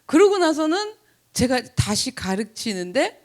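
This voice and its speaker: Animated middle-aged woman pastor telling stories. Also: sits high, measured pace. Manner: chatty, animated anecdote with laughs and acted quotes. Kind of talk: sermon storytelling. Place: church.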